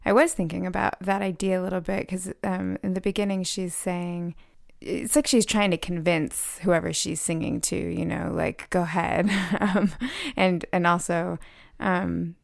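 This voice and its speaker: A woman's voice: fairly low pitch, little pitch movement, a little slow, vocal fry, dry recording, studio quality. A woman co-hosting a podcast, chatting casually about songs in a playful, giggly and reflective way. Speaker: podcast co-host. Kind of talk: casual music chat.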